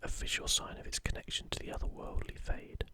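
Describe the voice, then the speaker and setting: A gaming ASMR creator whispers softly at a fairly quick pace. His voice is a soft, breathy, unvoiced whisper as he offers casual commentary and reads passages aloud.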